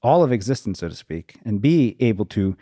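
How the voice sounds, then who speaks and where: A man in reflective, casual conversation, thinking aloud in a halting way and circling back to rephrase. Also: lowish voice, very animated, mellow, no echo, studio quality.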